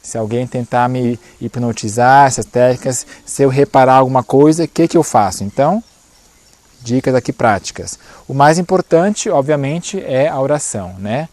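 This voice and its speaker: A man's voice: medium pitch, normal speed, a little mellow, dry recording. Man lecturing at a church conference. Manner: explanatory, checks in often with short asides. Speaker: conference speaker.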